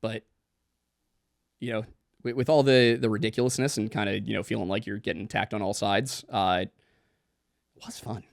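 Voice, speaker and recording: A man in his twenties co-hosting a podcast, chatting casually and joking, with quick asides. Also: on the low side, steady tone, gravelly, no room sound, clean studio sound. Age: 20s. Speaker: podcast co-host.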